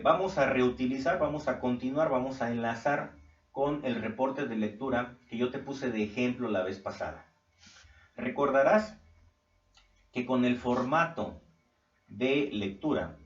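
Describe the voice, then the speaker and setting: A male teacher explaining grammar in a recorded online class, patient and checking in with his students every few sentences. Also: mid-range voice. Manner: patient, keeps checking in with "¿sale?". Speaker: Spanish teacher. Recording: echoey room, far from mic, dull lo-fi sound.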